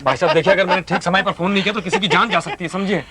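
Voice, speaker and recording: A man's voice: high voice, fairly even intonation, racing, sharp tone. An actor playing a desperate young man wrongly accused of murder, pleading urgently to be believed. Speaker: lead in a TV crime drama.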